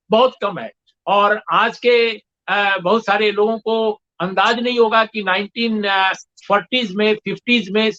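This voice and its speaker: A man speaking as a guest in a discussion, measured and emphatic, pausing often with fillers as he builds his argument. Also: high-pitched, sharp tone. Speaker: guest commentator. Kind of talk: discussion interview. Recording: dull lo-fi sound.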